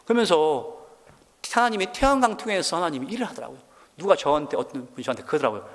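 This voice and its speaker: A man in his forties from South Korea, a missionary giving his testimony during a church service. He tells his story in an animated way, and his voice rises when he is moved. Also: on the high side, quick pace, long reverb tail.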